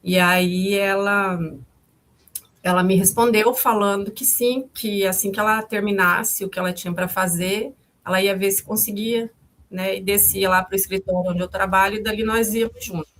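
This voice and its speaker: A woman in her fifties, the victim's mother, gives an emotional interview testimony recounting events, speaking haltingly and often repeating and restarting her words. Her voice is middle-pitched and steady, over a faint background hiss, and she calls her own way of speaking harsh and loud.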